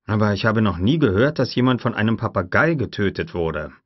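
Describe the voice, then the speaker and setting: A man reading an audiobook voices a jittery, frightened male lawyer in an anxious, high-pitched, protesting tone. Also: expressive, a little fast, no room sound, dull audio. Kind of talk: audiobook character voice.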